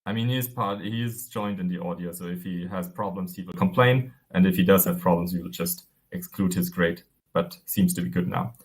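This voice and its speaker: A man's voice: low voice, fairly even intonation, fairly quick, breathy edge. A man casually moderating an online event as its organiser.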